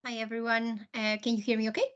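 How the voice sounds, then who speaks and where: A middle-aged woman giving an informal workshop presentation over a video call, hesitant and pausing often. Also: fairly high pitch, monotone, highs cut off. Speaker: programme manager presenting at a workshop. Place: indoor room, on a video call. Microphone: video call microphone.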